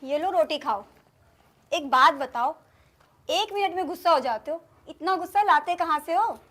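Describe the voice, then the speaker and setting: Sharp-tongued young village wife, Haryanvi accent, very high-pitched, teasing. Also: female voice, animated, moderate pace.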